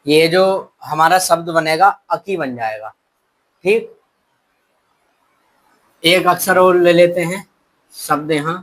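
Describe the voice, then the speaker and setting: A man teaching shorthand in a slow, patient, step-by-step classroom manner, talking kindly to his students. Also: on the high side, fairly bright tone, low-quality recording. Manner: slow, patient explaining, addresses students as "beta".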